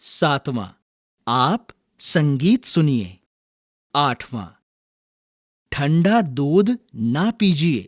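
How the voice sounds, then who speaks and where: Male teacher narrating a language lesson, deliberate dictation, dry close recording. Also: on the high side, expressive, no room sound. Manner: slow, deliberate dictation of sample sentences. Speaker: teacher reading textbook exercises.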